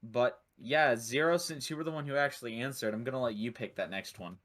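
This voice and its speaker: A man's voice: medium pitch, fairly quick, a bit bright. A man taking part in an online quiz game on a voice call, talking in a joking way. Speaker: quiz contestant. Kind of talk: casual chat on a voice call.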